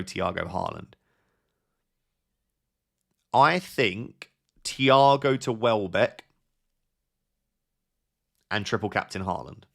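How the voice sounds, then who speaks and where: A young man hosting a casual live stream, reading viewers' messages aloud and thinking out loud with quick, offhand advice. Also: fairly low pitch, creaky. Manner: thinks aloud with fillers and restarts. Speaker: live-stream host answering chat.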